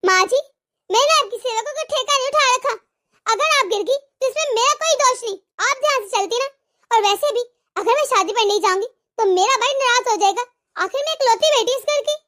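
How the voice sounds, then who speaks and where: A selfish, defiant young daughter-in-law in a cartoon, played by a woman. She talks sharply and dismissively in a very high voice. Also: expressive, a little fast, fairly bright tone. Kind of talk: cartoon voice acting.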